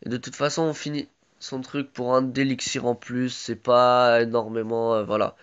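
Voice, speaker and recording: A man's voice: mid-range voice, flat delivery, normal speed, clean tone, dull audio. A man with a sore throat giving casual live commentary on his own game, chatty and full of gamer slang.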